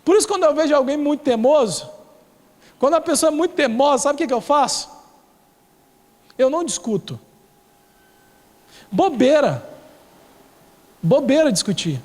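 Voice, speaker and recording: A man's voice: extremely high pitch, lively intonation, normal speed, pauses often, darkish tone. A male pastor with a Brazilian accent delivering a sermon, telling a story and repeating key phrases for emphasis. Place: church. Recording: reverberant church hall.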